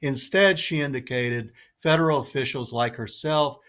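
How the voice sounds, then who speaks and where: A man's voice: mid-range voice, normal speed, fairly bright tone. A man presenting slides on a talk show, earnest and emphatic, reading quotes aloud. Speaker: guest presenter.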